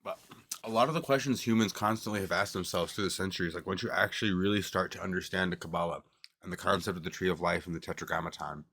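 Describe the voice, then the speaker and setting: A man streams from home with his camera set on a table, talking in a loose, rambling and often profane way. His voice sits very low. The sound is dry and close, with almost no room echo. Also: quick pace, creaky, a bit bright. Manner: rambling, loose and profane, talks with mouth full at times. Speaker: streamer doing tarot readings. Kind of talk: casual livestream chat.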